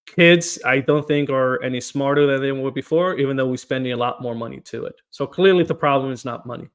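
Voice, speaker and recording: In a podcast interview, a Portuguese political candidate speaks earnestly and steadily at a middle pitch, fairly quick and smooth. He often stumbles into phrases by repeating a word before pushing his point.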